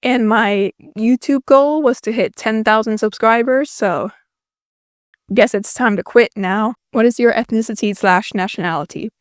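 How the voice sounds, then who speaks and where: Her voice sits a little high and moves at a normal speed as this young Finnish woman, a YouTuber and native speaker, narrates a relaxed Q&A. She's self-mocking and dry in her jokes, and the close-miked recording has no echo.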